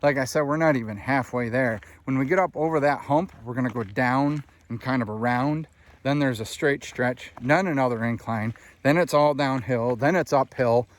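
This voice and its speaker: A man's voice: mid-range voice, normal speed. A young man walking outdoors up a hilly rural road, out of breath and chatting casually to viewers as he films himself. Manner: chatty, addresses viewers as friends and dudes. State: out of breath, winded. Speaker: vlogger. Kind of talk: casual walking vlog narration.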